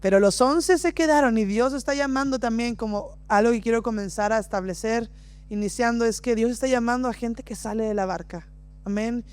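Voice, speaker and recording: A man preaching a sermon, reading scripture expressively with slow, dramatic phrasing and playful asides. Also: very high voice, a little mellow, clear, resonant tone. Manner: playful asides and small laughs.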